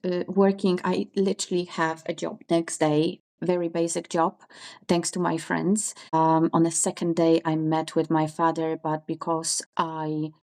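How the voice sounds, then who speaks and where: A woman, telling her life story as a podcast guest, pausing often with fillers and self-corrections. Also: deep voice, flat delivery, darkish tone. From Poland. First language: Polish. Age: 40s. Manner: thoughtful, pauses with many fillers and self-corrections. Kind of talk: interview storytelling.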